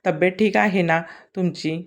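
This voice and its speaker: A woman's voice: fairly low pitch, steady tone, normal speed, natural voice. A woman doing a caring young wife. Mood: wondering.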